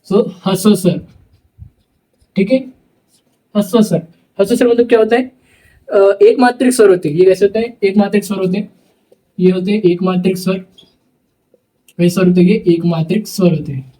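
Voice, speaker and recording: A young man teaching a class speaks in a high voice that sounds dark and mellow. He dictates notes slowly, repeating each phrase word by word. His voice comes from a little way off the mic. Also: recorded from a distance, poor audio.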